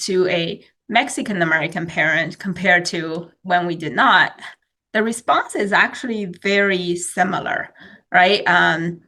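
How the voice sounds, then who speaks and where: This medium-pitched woman sounds bright and forceful as she presents research in a webinar over a video call. Chinese is her first language, and she uses many fillers and restarts.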